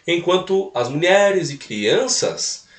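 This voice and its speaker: A man's voice: high-pitched, sing-song, slow. A man teaching a recorded music lesson, explaining step by step and tagging points with little questions. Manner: explanatory, repeats points with "né?" tags. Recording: roomy echo, mic at a distance.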